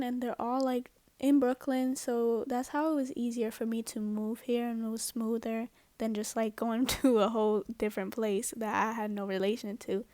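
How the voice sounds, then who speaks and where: A woman's voice: on the high side, darkish tone, no echo. Slangy, chatty young woman vlogger. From Japan. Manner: slangy, chatty, upbeat with asides. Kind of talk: casual get-ready-with-me story time.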